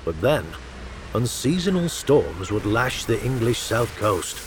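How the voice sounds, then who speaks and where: A man reading audiobook passages aloud, one after another. His delivery is measured and even, with his voice sitting in an ordinary middle range. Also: medium pitch, a little hiss or hum. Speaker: audiobook narrator. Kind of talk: scripted narration.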